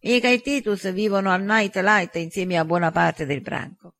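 A wry man teases and reasons in calm turns in this audiobook, as a male narrator voices him. His voice sits high and sounds close and dry. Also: moderate pace, gravelly, no room sound. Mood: teasing. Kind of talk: audiobook dialogue.

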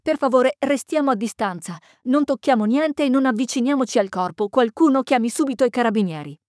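A woman's voice: fairly high pitch, animated, fairly quick, a little mellow, dry recording, studio quality, voice pushed up, close to an everyday voice. A woman reading the part of a man who firmly orders a crowd back. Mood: commanding. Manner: firm, giving orders. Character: adult man taking charge, firm and commanding.

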